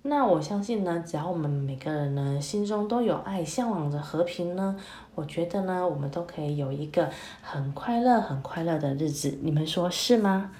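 A woman reading a children's story aloud, gentle and sing-song with soft fillers. Her tone is mellow and warm, and the voice sits in an echoey room. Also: fairly low pitch, lively intonation, normal speed.

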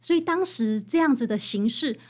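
A woman with a Taiwanese Mandarin accent is interviewed as a guest about her book. Her fairly high voice moves at a normal pace with lively intonation as she explains and tells stories in an emphatic, conversational way.

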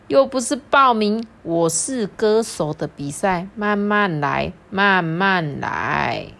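A grumbling dad who teases and scolds his son in a mock-stern voice, as a woman storyteller puts him on. He speaks slowly and deliberately. This is a voice from a read-aloud children's storybook. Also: mid-range voice, lively intonation, gravelly, fairly bright tone, exaggerated voice. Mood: teasing. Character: teasing, grumbling father of a young boy.

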